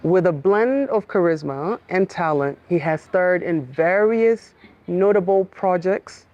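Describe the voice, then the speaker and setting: A woman hosts a podcast, reading her introduction from a script before she puts questions to her guest. Her voice sits on the low side for a woman. The recording sounds dull and lo-fi. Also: measured pace, darkish tone. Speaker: podcast host.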